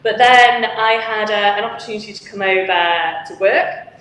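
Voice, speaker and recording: Speaking from a charity office with volunteer lockers, a woman from Manchester, England, who founded the charity gives a conversational interview over video call. She is frank, chatty and laughs often, in a mid-range, fairly bright voice at normal speed. The room is echoey, with faint noise.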